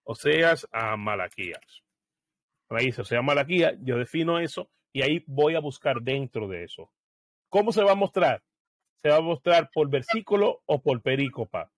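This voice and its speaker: Man giving a relaxed screen-share tutorial. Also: a little high, brisk, dry recording. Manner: explains step by step, thinking aloud with fillers. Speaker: software tutorial presenter.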